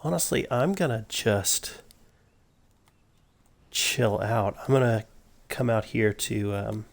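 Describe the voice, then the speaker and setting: An American man casually commenting on his game for viewers, relaxed and self-mocking. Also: on the low side, takes it slowly, creaky. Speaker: streamer. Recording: noisy game audio behind. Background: game sounds, gunfire.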